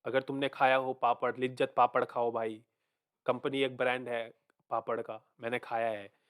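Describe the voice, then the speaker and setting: A man hosting a casual music reaction, thinking out loud, switching between Hindi and English and repeating lines back to himself. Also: mid-range voice, little pitch movement, moderate pace, clear, resonant tone.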